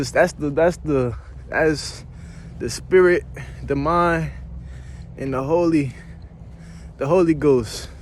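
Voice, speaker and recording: Outdoors by a pond, a man records a walk-and-talk vlog on his phone, winded as he goes. His voice runs a little high, he muses and rambles with casual profanity, and there's slight noise in the background.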